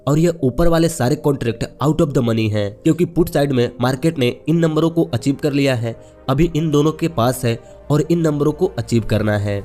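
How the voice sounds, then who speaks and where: A man's voice: mid-range voice, dark tone. A man with a mid-range voice walks beginners through a tutorial step by step. He speaks patiently and keeps pointing to things on screen. Faint music plays underneath. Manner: patient, explanatory, says "dekhiye" often. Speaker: trading teacher.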